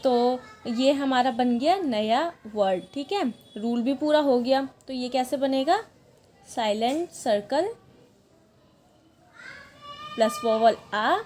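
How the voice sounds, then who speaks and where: Speaking slowly with frequent pauses, this high-pitched, slightly mellow woman has a lively intonation. A native Marathi speaker, she teaches a language lesson with patient step-by-step explanations, regularly asking "ठीक है" to check that the listener is keeping up.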